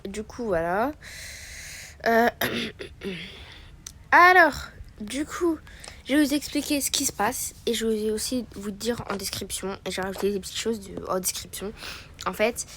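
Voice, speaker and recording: A woman's voice: on the high side, a little slow, pauses often, fairly bright tone, a little hiss or hum. A woman voicing a sick young wife filming a vlog, talking weakly and tiredly, with music playing behind. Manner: weak, tired, slightly nauseous voice.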